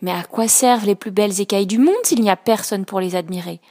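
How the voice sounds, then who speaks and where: A woman reading a children's picture book aloud with soft, expressive storytelling. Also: medium pitch, fast talker. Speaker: storybook reader.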